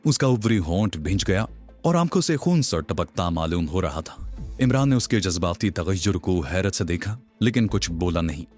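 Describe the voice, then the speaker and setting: Male audiobook narrator, low and expressive, dramatic delivery over soft music. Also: moderate pace. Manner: dramatic storytelling. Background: faint music.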